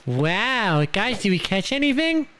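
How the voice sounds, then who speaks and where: A man's voice: high voice, big pitch swings, unhurried, bright, forceful tone, slight background noise. A young adult man live streaming in a VR game's voice chat. He talks casually and mocks and teases the strangers he meets. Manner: brash, mocking, teasing strangers. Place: online voice chat in a VR game.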